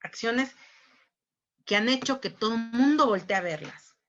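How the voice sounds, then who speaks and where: A woman with a Mexican accent gives a conference talk on human rights in a conversational style, her fairly high, fairly bright voice animated and moving at a normal speed. She frequently closes remarks with rhetorical questions and imitates other people's voices, all on a muffled lo-fi recording.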